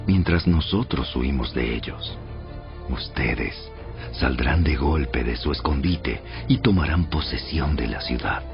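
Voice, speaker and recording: An actor playing a firm, commanding ancient war leader giving orders in a dramatized audio Bible. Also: male voice, extremely low pitch, vocal fry, heavily acted. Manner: firm, deliberate, authoritative. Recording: muffled band-limited audio. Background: prominent background music.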